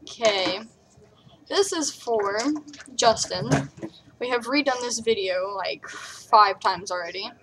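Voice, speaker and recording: Slow rambling young woman vlogger. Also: medium pitch, noisy background. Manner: rambling, giggly, talks with her mouth full. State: coughing, eating. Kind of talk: casual rambling vlog chat.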